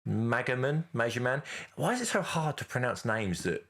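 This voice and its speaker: A man co-hosting a podcast who reads out odd news stories in a wry, animated way. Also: medium pitch, a little fast. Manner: wry, animated, laughs at his own jokes. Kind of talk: reading weird news, casual chat.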